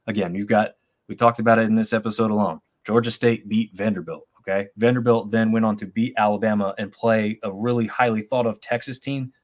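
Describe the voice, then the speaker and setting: Man, low-ish voice, sports stream co-host, rambling, animated, remote call mic. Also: a little fast. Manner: rambling, animated, many restarts. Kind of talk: casual sports talk on a live stream. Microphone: remote video-call stream.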